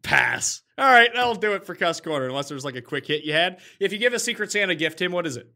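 A man's voice: high voice, animated, fast, bright, forceful tone. A man co-hosting a podcast, blunt and argumentative, swearing freely in casual banter. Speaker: podcast co-host.

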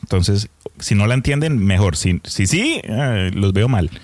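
Man, low voice, dry recording, casual joking podcast chat. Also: expressive, measured pace, darkish tone, no room sound. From Colombia. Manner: joking, storytelling with light asides. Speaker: podcast co-host.

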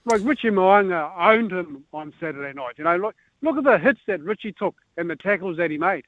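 A man's voice: high-pitched, lively intonation, fairly quick, dry recording. A man with a New Zealand accent calling a radio phone-in, chatting about sport in matey, blokey banter. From Northland, New Zealand. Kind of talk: casual sports chat. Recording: tinny phone line.

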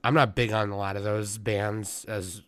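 A young man hosting a casual podcast, hoarse and congested, rambling with lots of fillers and swearing. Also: lowish voice, little pitch movement, normal speed, no room sound. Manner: rambling, profane, many fillers. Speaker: podcast host. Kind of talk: casual chat.

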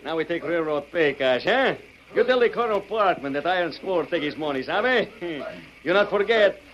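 A man's voice: on the high side, expressive, moderate pace. A sly Mexican-accented outlaw henchman. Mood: gloating. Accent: Mexican Spanish. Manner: broken English, chuckling, cocky. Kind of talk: 1940s radio acting. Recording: dull old radio recording with loud hiss.

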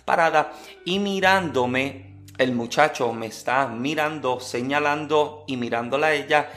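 A man preaching, telling a personal testimony in an earnest, lively storytelling manner. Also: medium pitch, a little slow.

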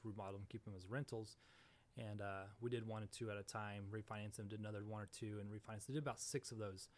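A man in his thirties from Missouri talks fast in a lowish voice. He tells his story as a podcast guest, rambling and loose with plenty of ums. His humor is dry and sarcastic. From Springfield, Missouri, USA. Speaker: podcast guest, real estate investor. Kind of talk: casual interview chat.

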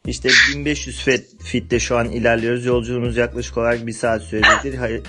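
A man's voice: mid-range voice, level tone, fast talker, over music, voice pushed down, natural voice. A man, the program producer, briefly imitating an airline pilot's cabin announcement. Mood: formal.

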